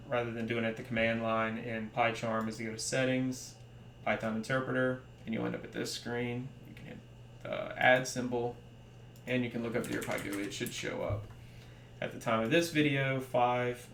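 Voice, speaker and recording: A young man talks through a casual coding tutorial in a relaxed way, full of ums and pauses, with a gravelly edge to his voice. He is recorded in a roomy home space with a faint hum behind him. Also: mid-range voice. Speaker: software library developer.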